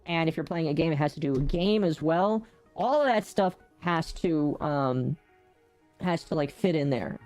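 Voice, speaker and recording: A soft-spoken man whose voice runs through a hardware voice changer that shifts it toward a woman's, chatting casually with a guest on his stream. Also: animated, normal speed, dry recording, soft background music. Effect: hardware voice changer shifting his pitch toward a low female voice. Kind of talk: casual chat.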